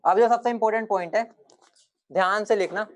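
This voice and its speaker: A man's voice: high voice, fairly quick. A young male teacher giving a classroom lecture, joking with his students and then firmly explaining points.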